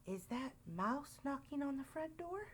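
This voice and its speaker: A woman voicing a timid little male rabbit in a storybook, high and worried. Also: sing-song, a little slow, slight background noise. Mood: whispering.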